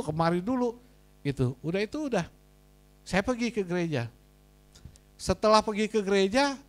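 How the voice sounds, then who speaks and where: A man preaching a sermon as a pastor, telling a personal story in a casual, conversational way and acting out the dialogue. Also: high-pitched. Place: church.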